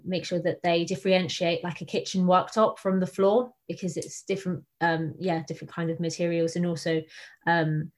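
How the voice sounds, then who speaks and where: Casting: woman researcher on a webinar, lowish flat delivery, halting with ums. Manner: hesitant, many ums, earnest. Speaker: guest speaker, researcher. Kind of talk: answering questions in a webinar.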